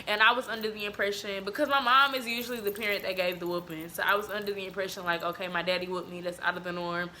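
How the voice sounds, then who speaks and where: Bright-voiced woman podcast co-host. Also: medium pitch, quick pace, few pauses, slight background noise. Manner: animated storytelling, laughs often. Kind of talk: casual chat.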